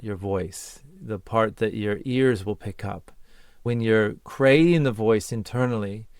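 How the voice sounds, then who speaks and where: A man's voice: on the low side, a little mellow, clear, resonant tone, no room sound, studio quality. A man talking as a voice coach, giving an earnest and encouraging spoken lesson in short listed phrases.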